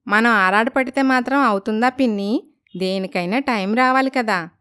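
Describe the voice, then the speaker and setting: A woman's voice: on the high side, normal speed, bright, forceful tone, clear, resonant tone. A woman playing a proud poor young village woman. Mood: calm. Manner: firm, dignified.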